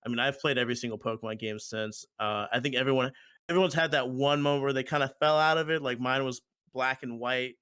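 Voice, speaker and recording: A man's voice: mid-range voice, fast, pushed and bright, smooth, no room sound. A man in his twenties chatting casually on a podcast, rambling and leaning on "like" and repeated words. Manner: rambling, repeats himself, uses "like" a lot. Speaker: podcast co-host. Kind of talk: casual chat.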